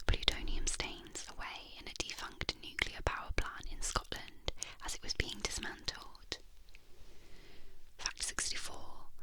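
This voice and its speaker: Someone whispering closely, right in the listener's ear, reading facts in a measured ASMR style into a binaural microphone. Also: poor audio. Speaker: ASMR narrator.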